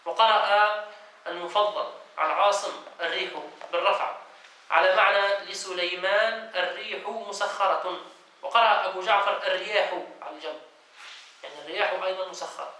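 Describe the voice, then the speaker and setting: A man's voice: high-pitched, fairly even intonation, brisk, bright, forceful tone, far from the mic. A man, a sheikh, teaching a class on Quran commentary, reading passages aloud, explaining them and questioning his students. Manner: reads a passage, then explains it and quizzes students. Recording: echoey room, voice from off-mic, faint noise.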